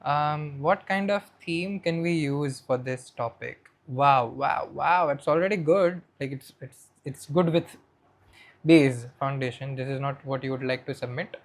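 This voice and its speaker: A man's voice: medium pitch, a little slow, vocal fry. A man with an Indian English accent giving a casual screen-share tutorial to students, chatting and thinking aloud as he works. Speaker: educator for accounting students.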